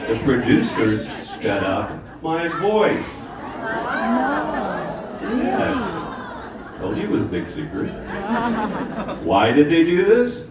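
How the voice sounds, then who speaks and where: A deep-voiced singer in his sixties banters between songs on an indoor music club stage, joking at his own expense and chuckling as he talks. His stage mic is heard from the audience, far away, in an echoey recording taped from the crowd. A loud, cheering crowd and the band fill the background.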